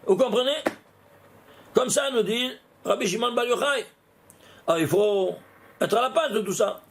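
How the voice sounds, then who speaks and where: Lively gravelly-voiced rabbi teaching. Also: male voice, very high-pitched, measured pace, noisy background. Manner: lively, questioning, talks straight to listeners, laughs often. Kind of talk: animated Torah lesson with gematria.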